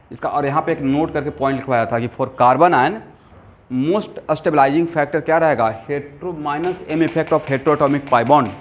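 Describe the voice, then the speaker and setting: A man's voice: fairly high pitch, lo-fi sound. A man teaching chemistry to a class. He asks the students questions and answers them himself, and he mixes English technical terms into his speech. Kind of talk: classroom lecture. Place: classroom with students, also streamed online.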